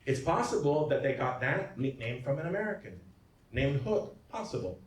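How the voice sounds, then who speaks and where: A priest delivers a genealogy lecture in a symposium hall, joking, wandering off on tangents, and checking in with "Okay?" and "right?" His male voice is mid-range, very animated, and moderately paced. The recording is echoey and distant, with faint noise.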